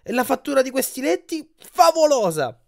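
Guy doing a teen boy hero, eager and higher-pitched, bouncy delivery. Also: sing-song, moderate pace, vocal fry, heavily acted. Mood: flattering. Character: quick-witted teenage boy hero.

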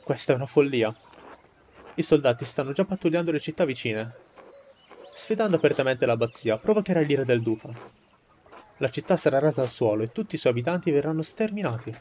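A man's voice: medium pitch, lively intonation, a little fast, darkish tone, slight background noise, natural voice. A man voicing cautious, alarmed villagers in a game, giving stern, admonishing warnings. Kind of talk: game dialogue read aloud.

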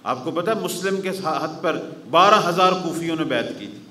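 A man giving a mourning-gathering sermon as a religious scholar, telling stories dramatically and swinging between raised declamation and hushed grief. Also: fairly high pitch. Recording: roomy hall echo.

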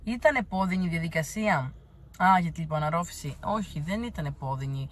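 A woman from Crete, Greece, with a lowish, animated voice, chats casually as she answers viewer comments in a blunt, teasing way.

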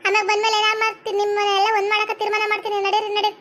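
A woman playing a bossy, sharp-tongued middle-aged village aunt in a comedy skit, speaking with a North Karnataka Kannada accent. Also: extremely high pitch, completely flat delivery, very fast. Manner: scolding, sharp-tongued, theatrical.

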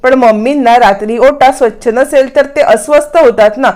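A woman's voice: sits high, moderate pace, darkish tone, natural voice. A woman voicing a puzzled young daughter-in-law. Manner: bewildered, pleading.

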